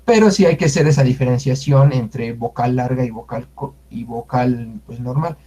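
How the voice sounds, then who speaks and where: A man giving an informal language lesson, explaining unhurriedly with many fillers and sounding out words slowly. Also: medium pitch, dark tone, a little hiss or hum. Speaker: Nahuatl language teacher. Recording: muffled lo-fi audio.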